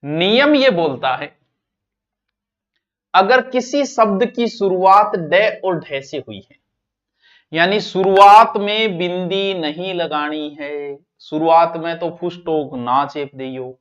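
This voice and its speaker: Lively Rajasthani man teaching a class. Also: sits high, takes it slowly, highs cut off. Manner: lively, mixes in local dialect, teases students. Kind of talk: exam-prep class on spelling.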